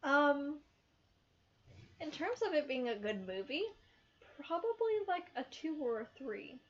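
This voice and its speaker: Young woman, high voice, animated casual film review co-host, dull lo-fi mic. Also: unhurried. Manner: animated, emphatic rhetorical questions. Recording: dull lo-fi sound.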